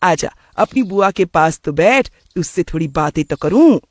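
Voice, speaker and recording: A man's voice: sits high, lively intonation, measured pace, no echo. A man voicing an affectionate middle-aged aunt who fondly complains about her nephew in a cartoon story. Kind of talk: cartoon voice acting.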